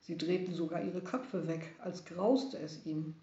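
Woman, storyteller, children's story read aloud, expressive, roomy, dull recording. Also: on the low side, a little slow. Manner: lively, expressive reading.

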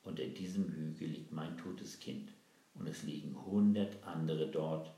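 A man voicing a grieving village mother who tells a secret in hushed, urgent tones. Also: extremely low pitch, fairly even intonation, measured pace. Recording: roomy echo.

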